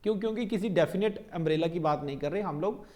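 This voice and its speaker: A young man with a high, darkish-toned voice teaches English grammar for exam prep, mixing Hindi and English. He checks in with his students after each point and slows down to spell out example sentences.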